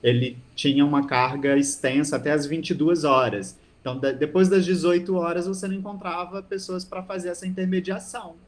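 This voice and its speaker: A man's voice: fairly high pitch, steady tone, fairly quick, few pauses. Hesitant man in a meeting call. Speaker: participant. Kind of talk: online meeting discussion.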